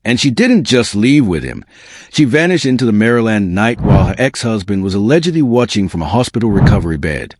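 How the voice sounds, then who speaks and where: Smug, sarcastic man with animated, swooping delivery. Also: on the low side, brisk, no echo. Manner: smug, sarcastic, slangy and punchy. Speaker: gossip commentary video narrator. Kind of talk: scripted celebrity gossip exposé narration.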